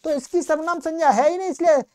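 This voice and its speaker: High-voiced woman teaching grammar. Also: quick pace, a little mellow. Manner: patient explaining, asks and answers own questions. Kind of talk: recorded classroom lecture.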